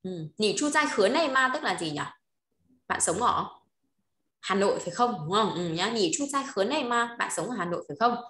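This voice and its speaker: A woman's voice: mid-range voice, expressive, a little fast, a bit bright, echoey room. A woman teaching a language lesson, repeating phrases and often checking that students follow. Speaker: Chinese teacher.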